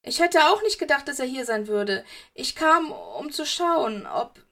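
A woman voicing a frightened, sobbing teenage schoolboy who stammers high, trembling pleas. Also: expressive, unhurried, a bit bright, heavily acted. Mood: pleading, frightened.

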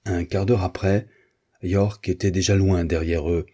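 Low husky guy reading an audiobook, steady and measured, dark tone. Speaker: audiobook narrator. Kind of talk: scripted narration.

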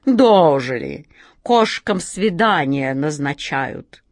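A woman's voice: sits low, animated, takes it slowly, no room sound, clean studio sound, pitched below the performer's own voice, exaggerated voice. A woman reading a storybook, voicing a sly, predatory female yard cat with a smug, purring, teasing manner.

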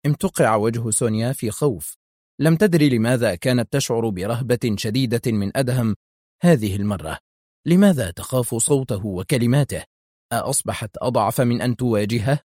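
A male narrator reading a thriller audiobook in a measured, suspenseful way. His voice sits at an ordinary middle pitch. The recording is dry and close, with no room sound. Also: lively intonation, a little mellow, no room sound.

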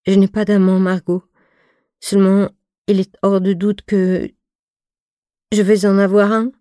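Une lectrice en jeune femme amoureuse. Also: female voice, medium pitch, little pitch movement, measured pace, dark tone, dry recording, studio quality, lightly acted. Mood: amoureux. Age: 30s. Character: femme de trente-quatre ans, fatiguée et amoureuse.

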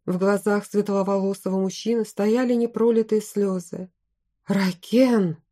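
A woman narrating a first-person fantasy audiobook in an even storytelling manner. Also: medium pitch, moderate pace.

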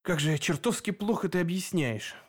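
A man's voice: sits high, animated, normal speed, husky, pitched above the performer's own voice. A man voicing Sep, a sarcastic, harsh male demon investigator with a mocking manner. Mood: stern.

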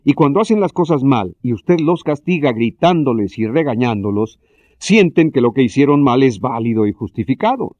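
A man narrating a scripted self-help lesson in a measured, explanatory way. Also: mid-range voice, lively intonation, a little mellow, dry recording, muffled recording.

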